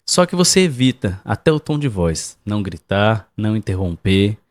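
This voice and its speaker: A man co-hosts a podcast and hands out marriage advice in a casual, instructive tone, talking directly to his listeners. His voice sits fairly low and is very lively, at a normal pace.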